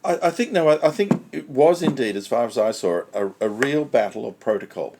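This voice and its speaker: A man's voice: medium pitch, animated, a little fast, noisy background. A man on a conference panel explaining technical history step by step, repeating key points for emphasis.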